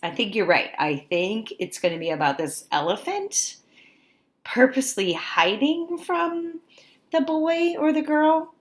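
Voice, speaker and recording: Her voice is high-pitched as she reads a picture book aloud to children. The teacher sounds expressive and encouraging, breaking off at points to question her young listeners.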